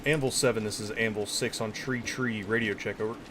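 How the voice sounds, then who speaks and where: A man with a low, flat voice gives clipped commands in military radio procedure. He leads a simulation game squad, and the recording is very noisy, with clicks and vehicle rumble. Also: brisk.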